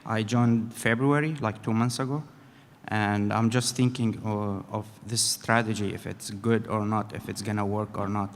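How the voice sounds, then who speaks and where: A man from Syria asks a panel a question, his non-native phrasing halting as he searches for words. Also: lowish voice, steady tone. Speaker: audience member asking a question. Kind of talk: conference Q&A question. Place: large conference hall. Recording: reverberant conference hall.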